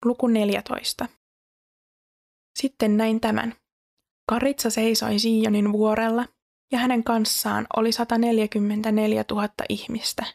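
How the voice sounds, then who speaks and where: Woman, scripture reading, steady measured recitation, fairly high voice, gravelly fry.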